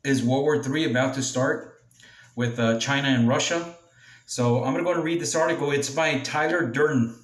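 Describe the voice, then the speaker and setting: Man, mid-pitched voice, news read-aloud, halting delivery, roomy echo, off-mic. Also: fairly even intonation. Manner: halting reading with stumbles over words. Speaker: host reading a news article aloud. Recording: echoey room, distant from mic.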